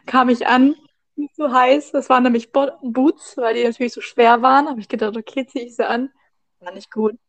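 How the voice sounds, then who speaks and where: Guest, woman in her twenties, slightly high voice, chatty, dry sound. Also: steady tone, moderate pace, no room sound. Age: 20s. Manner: chatty, cheerful storytelling. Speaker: podcast guest. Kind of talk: casual podcast chat.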